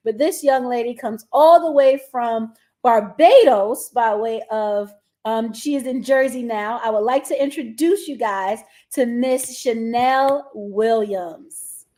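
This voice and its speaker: A woman's voice: on the high side, takes it slowly, dark tone. Upbeat woman hosting a live stream. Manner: upbeat, addresses viewers directly. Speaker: host.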